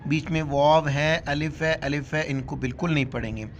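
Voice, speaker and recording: A man teaching Quran recitation in Urdu-accented speech, spelling out letters and vowel marks, then reciting each word slowly and drawn out. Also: a little high, fairly even intonation, a little hiss or hum.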